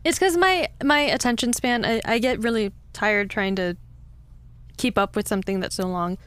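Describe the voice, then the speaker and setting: Young woman, from California, podcast co-host, chatty, smooth voice, dry sound. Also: mid-range voice, normal speed, fairly bright tone, dry recording. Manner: chatty, giggly, tipsy. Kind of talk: casual chat.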